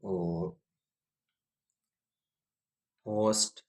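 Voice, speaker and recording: A man's voice: deep voice, steady tone, very slow. A man teaching a grammar lesson, spelling words out letter by letter and asking his students questions.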